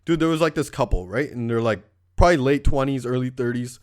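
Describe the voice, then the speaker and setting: A man's voice: mid-range voice, animated, a little fast. A man from Canada hosting a podcast, telling stories in a casual, profane, rambling monologue. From Surrey, Canada. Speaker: podcast host.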